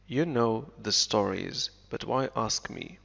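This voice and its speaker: A man reading out the lines of a sly pirate captain locked in a cell, slowly and evenly, with a gravelly voice, in a dull recording with a long echo. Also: mid-range voice, full character voice. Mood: wry. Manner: slow, even read-aloud delivery. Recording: lo-fi with long reverb.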